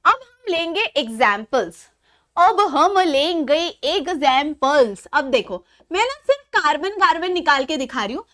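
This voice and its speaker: An Indian woman chemistry teacher giving an online class lecture in a chatty, teasing way, repeating key terms slowly. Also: very high-pitched, a bit bright.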